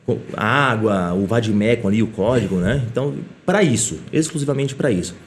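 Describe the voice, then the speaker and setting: A middle-aged man, a police chief guesting on a podcast, telling a lively story in casual chat and often tagging his sentences with little questions. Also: fairly low pitch, brisk, slight background noise. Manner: lively anecdotal telling, frequent tag questions.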